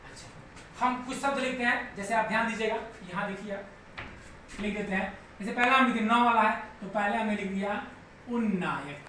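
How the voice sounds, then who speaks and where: A man's voice: high voice, moderate pace, pushed and bright. A man teaching a live online grammar class, patiently repeating each step and often checking that students follow. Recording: very echoey room, voice far from mic, faint background noise.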